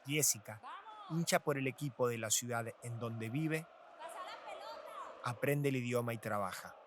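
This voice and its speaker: A man narrating a travel documentary in a measured, scripted voice. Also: mid-range voice, background noise. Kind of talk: documentary voice-over.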